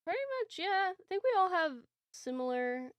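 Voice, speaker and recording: A woman's voice: very high-pitched, lively intonation, moderate pace, no room sound. A young woman hosting a casual podcast chat with friends, laughing often and swearing freely. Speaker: podcast host.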